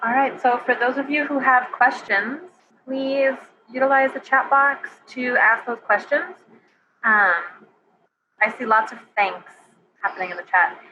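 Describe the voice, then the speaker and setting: A woman moderating a live webinar, reading out episode titles and audience questions in a friendly, organized way. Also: high-pitched. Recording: dull lo-fi audio with faint background noise.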